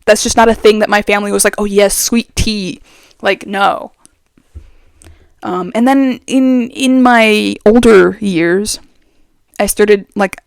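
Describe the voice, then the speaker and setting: A woman's voice: medium pitch, creaky, no echo. A young woman vlogger chatting casually and with strong opinions, full of fillers, speaking very close to the microphone. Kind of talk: casual chat. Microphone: very close to the mic.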